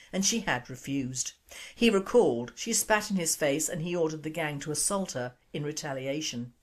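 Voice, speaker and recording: A woman giving a somber, measured news narration. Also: low voice. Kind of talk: scripted narration.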